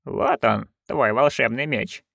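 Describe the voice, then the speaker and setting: A man voicing a stern old witch in an audiobook, talking in a quiet, clipped, dry way. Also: mid-range voice, slow pace, gravelly, dry recording, heavily acted. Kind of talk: audiobook character voice.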